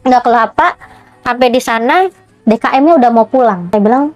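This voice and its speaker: Brief: woman interviewee, higher-pitched and dry-sounding, emotional testimony with faint music underneath. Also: fairly quick, dry recording. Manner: animated retelling with acted dialogue.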